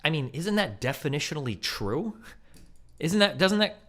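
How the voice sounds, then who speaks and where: A man's voice: fairly high pitch, very animated, moderate pace, fairly bright tone. A man streaming live, reacting to a video with exasperated, profane ranting commentary. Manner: ranting, exasperated, swears a lot.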